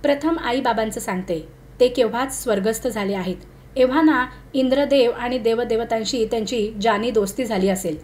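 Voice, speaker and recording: A woman reading the lines of a bold young woman who speaks calmly and with easy command. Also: on the high side, moderate pace, close to an everyday voice. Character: bold, self-assured young city woman.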